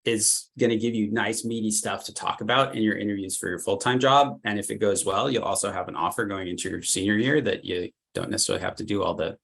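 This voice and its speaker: A man's voice: on the low side, fast, creaky, hardly any pauses, a bit bright, husky. A middle-aged man giving a casual career workshop, chatty and loose, with lots of "like" fillers and repeated words. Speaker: workshop presenter, consultant.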